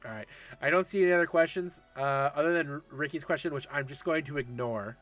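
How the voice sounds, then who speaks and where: A man's voice: a little high, fast talker, fairly bright tone, faint music behind. A man in his late thirties hosting a casual livestream Q&A for an esports league, chatty and laughing often while answering chat. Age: 30s.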